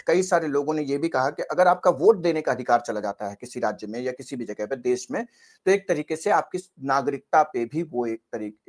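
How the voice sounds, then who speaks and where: A man giving spoken political commentary as a news channel host, earnest and questioning, often pausing and restarting his sentences. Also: on the high side.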